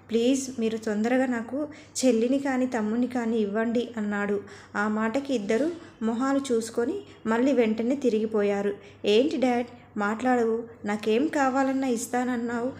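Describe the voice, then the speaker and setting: A woman's voice: on the high side, dark tone. A woman narrating a family story and voicing its characters herself. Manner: reads all characters in a lightly shifted voice. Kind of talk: scripted narration of a family drama.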